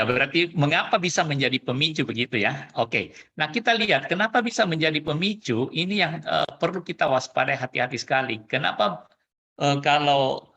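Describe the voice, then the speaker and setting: A man coaching over a video call, animated and acting out quoted lines. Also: on the high side, echoey room, dull audio.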